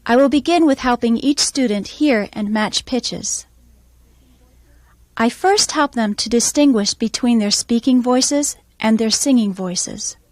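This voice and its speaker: A woman music teacher explaining her methods in a calm, measured instructional voice-over. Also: on the high side, no room sound.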